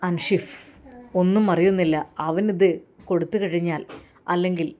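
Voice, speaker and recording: A woman's voice: fairly low pitch, fairly even intonation, normal speed, a little mellow, close to an everyday voice. A woman voicing a sly, scheming male doctor muttering plans to himself, in a Malappuram Malayalam accent.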